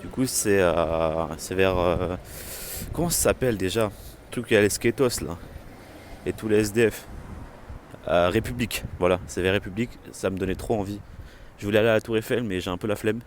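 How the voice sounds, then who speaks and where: Deep-voiced young man vlogging outdoors. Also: fairly quick, slight background noise. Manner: loud, excited, slangy chatter. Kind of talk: casual street vlog.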